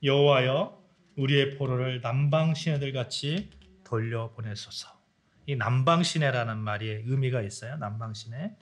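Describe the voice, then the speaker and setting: A man preaching a sermon as pastor, swinging between loud raised phrases and quiet low ones, calling the congregation to read along. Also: moderate pace. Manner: dramatic swings in pitch and volume, leads congregation in reading. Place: church sanctuary.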